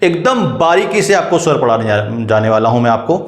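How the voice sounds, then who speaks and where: A man's voice: mid-range voice, very animated, a little fast. A man giving a step-by-step grammar lecture, asking questions and then answering them himself. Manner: explains step by step, asks and answers his own questions. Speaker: teacher. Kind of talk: classroom-style Hindi grammar lecture. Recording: echoey room.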